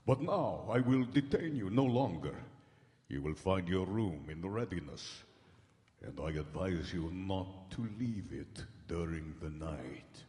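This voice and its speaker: An actor playing a creepy vampire count with formal, ominously polite menace in a live radio horror drama. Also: male voice, low-pitched, expressive, unhurried, mellow, slight background noise. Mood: sinister courtesy. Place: large hall stage, live broadcast. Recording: live theatre hall, long reverb.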